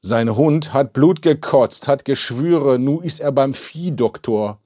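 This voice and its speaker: A man's voice: medium pitch, slow, mellow, dry recording, clean studio sound, voice pushed up. A man voicing a cheeky know-it-all teenage boy. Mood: smug.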